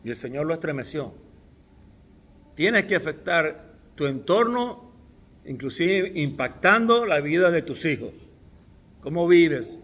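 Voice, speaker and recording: A man's voice: on the high side, big pitch swings, measured pace, pauses often, a bit bright. A middle-aged man preaching a sermon, stressing key words with restarts along the way.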